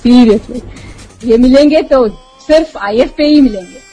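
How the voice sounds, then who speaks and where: A woman's voice: fairly high pitch, very fast, warm tone, soft background music. A woman with an Indian accent co-hosting a show in chatty, scripted banter, switching between languages. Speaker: co-host.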